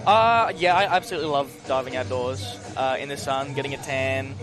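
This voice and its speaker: A man's voice: mid-range voice, fairly quick. A young man co-commentating on diving in an easygoing, upbeat way. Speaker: diver, co-commentator. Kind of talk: live sports commentary. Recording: music behind commentary.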